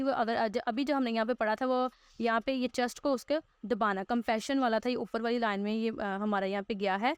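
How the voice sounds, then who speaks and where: A Pakistani woman teaching a school lesson, explaining slowly with fillers and repeating herself, mixing English textbook lines into her talk. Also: a little high, smooth, no room sound.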